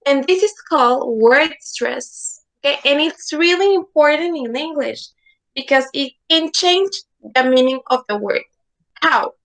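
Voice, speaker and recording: A woman's voice: sits high, measured pace, fairly bright tone, low-quality recording. A woman teaching an English lesson in an online class, patient and repetitive, checking in with "okay?" again and again. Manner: patient, repeats words and asks "okay?" often.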